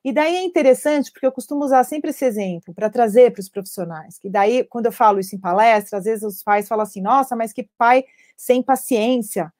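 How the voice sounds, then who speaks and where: A woman addiction treatment professional talking in a live stream over a video call, animated, acting out parents' words and tagging sentences with questions. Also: a little high, fast, few pauses. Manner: animated, acts out parents' quotes, frequent tag questions.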